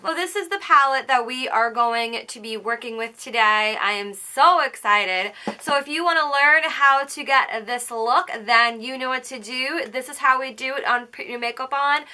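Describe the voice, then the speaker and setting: Bright, bubbly young woman makeup host. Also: sits high. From United States. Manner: upbeat, gushing, uses filler "like" often. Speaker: makeup artist and beauty channel host. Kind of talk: makeup tutorial voice-over.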